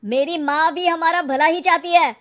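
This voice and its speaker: A woman voicing a young husband and shopkeeper who gets defensive and shouts when upset. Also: high-pitched, expressive, moderate pace. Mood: resentful.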